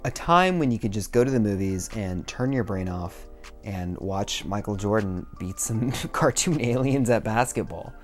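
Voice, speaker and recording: A man's voice: lowish voice, animated, moderate pace. A young man getting drunker as he hosts a video essay, rambling casually with swearing and self-deprecating asides. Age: young adult. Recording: music behind the voice.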